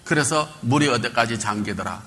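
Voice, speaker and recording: A male pastor giving a Bible lecture, quizzing his congregation and calling for answers, swinging between loud bursts and quiet asides. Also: mid-range voice, lively intonation, normal speed, slight background noise. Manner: quizzes the congregation, call and response.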